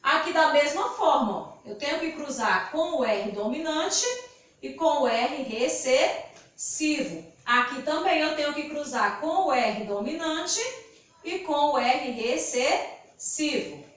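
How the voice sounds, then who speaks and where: A woman teaches step by step in a high voice. She asks her own questions and answers them. The sound comes from well away from the mic, in a room with heavy echo. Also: lively intonation, takes it slowly, fairly bright tone. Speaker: biology teacher. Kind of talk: recorded classroom lesson at a board. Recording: very echoey room, voice far from mic.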